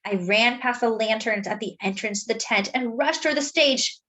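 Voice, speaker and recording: A woman with a fairly high voice reads a children's story aloud, expressive, dramatic and deliberate, like a storyteller addressing young listeners.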